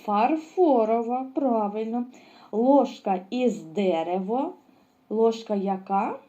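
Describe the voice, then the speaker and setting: A woman's voice: on the high side, lively intonation, slow, warm tone, muffled recording. A woman teaching a lesson to young children, asking questions and answering them herself with praise. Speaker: preschool teacher.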